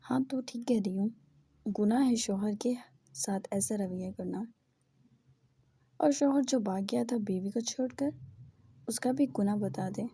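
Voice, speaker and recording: Woman reader as scolding middle-aged mother; dark, husky, dry. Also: medium pitch, unhurried, pauses often.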